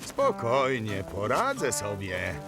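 A jolly, boastful daddy pig. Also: male voice, fairly low pitch, huge pitch swings, slow pace, gravelly, over music, full character voice. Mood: confident. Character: cheerful overconfident daddy pig. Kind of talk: dubbed cartoon acting.

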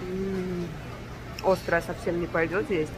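A woman's voice: lowish voice, level tone, takes it slowly. A woman vlogger chatting enthusiastically while chewing food with her mouth full, outdoors on a city street. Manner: chatty, enthusiastic, uses fond diminutives. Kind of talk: casual street food vlog. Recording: outdoor street noise behind the voice.

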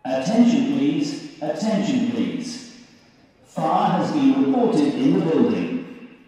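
A man making formal safety announcements over public address loudspeakers in a large building, repeating each instruction. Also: on the high side, very animated, takes it slowly. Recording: echoey hall from far off, faint ambience.

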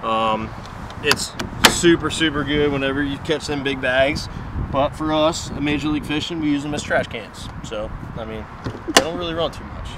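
A man in his thirties, a pro angler, talking casually through a walkthrough of his boat outdoors, relaxed and full of fillers. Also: on the high side, normal speed, very noisy. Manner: relaxed and chatty, many fillers and restarts. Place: outdoors beside a boat in a yard.

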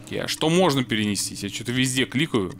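A man talks his way through a stubborn puzzle game, thinking aloud and cursing under his breath now and then. His voice sits at an ordinary middle pitch for a man, with a faint background hiss. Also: lively intonation, fast, fairly bright tone. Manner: mutters and mildly curses while puzzling. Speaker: let's play gamer. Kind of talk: casual co-op gameplay chat.

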